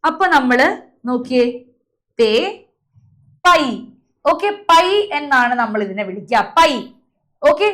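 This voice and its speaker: A woman's voice: high voice, expressive, slow pace, long pauses, a bit bright. A young woman teacher leading an online class, calling on students by name and drilling letter sounds over a video call.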